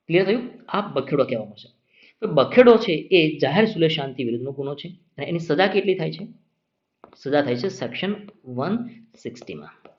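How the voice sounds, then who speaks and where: Guy teaching an exam prep class, goes over each point again and again, slightly high voice, muffled lo-fi sound. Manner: explanatory, repeats key points, checks with "clear?". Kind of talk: classroom lecture. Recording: dull lo-fi recording.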